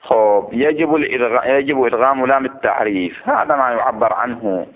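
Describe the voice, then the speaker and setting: A man's voice: medium pitch, brisk. Male religious teacher, patient explainer who quizzes students; thin lo-fi phone-like sound. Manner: explains step by step, poses questions to the class. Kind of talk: classroom lesson on Quran recitation rules. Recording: tinny phone-like lo-fi recording.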